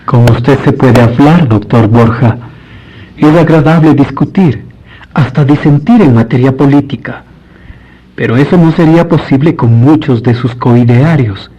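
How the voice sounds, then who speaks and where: A mellow, medium-pitched male voice with a breathy edge portrays a pious, courteous priest in a radio drama. He sounds earnest and devout, measured and formal, and the lo-fi radio recording is dull.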